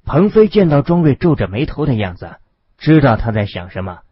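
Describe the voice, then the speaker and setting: Husky male storyteller, mid pitch, dry dull lo-fi recording. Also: sing-song, a little fast. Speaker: audiobook narrator. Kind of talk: storytelling narration.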